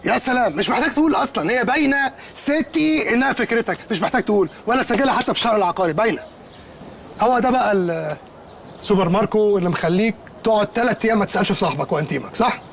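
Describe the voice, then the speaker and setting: A man's voice: high voice, very fast, a little hiss or hum. An actor playing a boastful, sarcastic young man in a comedy film, with an Egyptian accent, mocking his friend and dropping English words. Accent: Egyptian Arabic.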